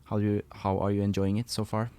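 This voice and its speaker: A man's voice: lowish voice, monotone, fast talker, mellow, clear, resonant tone. A man hosting a music podcast, asking questions in a rambling, enthusiastic way with many fillers. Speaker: podcast host. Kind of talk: casual interview.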